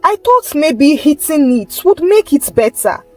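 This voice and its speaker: A woman doing a careless young wife who pleads earnestly. Her voice is high and moves a lot. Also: big pitch swings, a little slow, soft background music. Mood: pleading.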